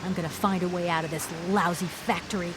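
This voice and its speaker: Actress as a tough, defiant young heroine. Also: female voice, fairly low pitch, fairly even intonation, fast, noisy background, close to an everyday voice. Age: young adult. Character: determined young American woman adventurer, brave and defiant. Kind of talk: video game voice acting.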